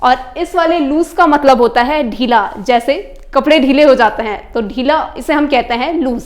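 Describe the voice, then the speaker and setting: A woman teaching English grammar, speaking slowly and carefully and spelling words out letter by letter. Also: high-pitched. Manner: slow, careful dictation of example sentences; addresses viewers as friends. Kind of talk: explaining English grammar to learners.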